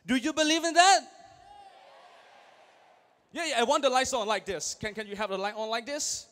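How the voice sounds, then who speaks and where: A young man from Thailand, giving an energetic motivational speech at a large convention and firing questions at the crowd. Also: very high-pitched, moderate pace. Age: young adult. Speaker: convention speaker.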